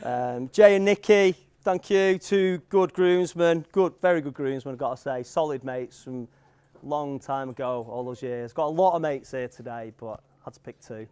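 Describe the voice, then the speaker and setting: Higher-voiced Manx groom addressing a crowd. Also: male voice. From Isle of Man. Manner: joking, rambling, hesitant. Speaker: groom giving a wedding speech. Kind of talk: informal wedding speech. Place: wedding venue. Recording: live event room with guests audible. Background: wedding crowd.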